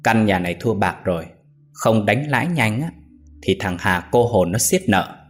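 A man's voice: fairly low pitch, animated, normal speed, lightly acted. A man doing a cruel, snarling grown son. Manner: snarling, harsh and contemptuous. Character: cruel brutish adult son, a gambler.

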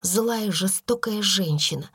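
A woman's voice: medium pitch, slow, fairly bright tone, breathy edge, no room sound, clean studio sound. A woman voicing a proud, hungry young schoolgirl who speaks earnestly in a storybook reading. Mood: bitter earnest.

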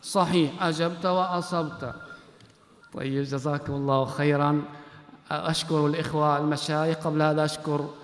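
A man teaching as a sheikh, quizzing students in class, brisk and commanding as he calls them up and questions them. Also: on the high side, little pitch movement. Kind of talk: classroom quiz session. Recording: echoey hall with long reverb.

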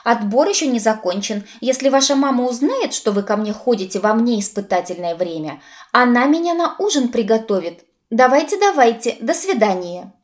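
A woman voicing a flustered, sharp-tongued young witch who scolds shrilly and trips over her words. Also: on the high side, very animated, moderate pace, pitched above the performer's own voice. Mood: indignant, shooing.

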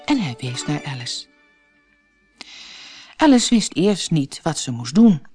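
Woman from the netherlands reading a kids story, really animated voice, soft music under. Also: low voice, slow, slightly rough. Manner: lively, expressive narration.

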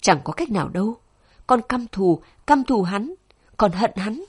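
A woman's voice: medium pitch, animated, unhurried, breathy edge, no echo, studio quality. A woman voicing a frightened, desperate young daughter who pleads through tears, in a storybook reading. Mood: despairing. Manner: pleading, sobbing.

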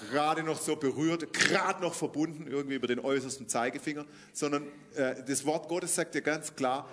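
A man preaching a sermon in German, lively and often laughing, rising to emphatic declarations as he quotes scripture. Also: mid-range voice.

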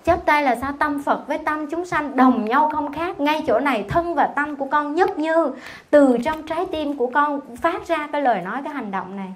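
A Buddhist nun gives a Dharma talk in a clearly high voice. She speaks conversationally and keeps asking her listeners questions. When she recites scripture she slows into a soft, gentle chant. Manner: conversational, asks the audience questions often. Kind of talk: Dharma talk to a temple audience.

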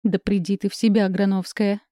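Женщина читает за холодного резкого парня. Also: female voice, mid-range voice, little pitch movement, a little fast, mellow, no echo, clean studio sound, lightly acted. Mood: stern. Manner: curt, icy, commanding. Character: cold, harsh young man breaking up.

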